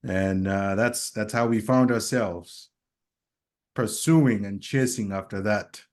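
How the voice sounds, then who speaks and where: A man raised in Kenya co-hosts a casual podcast, speaking reflectively and hesitantly with plenty of pauses and fillers. His pitch is fairly low.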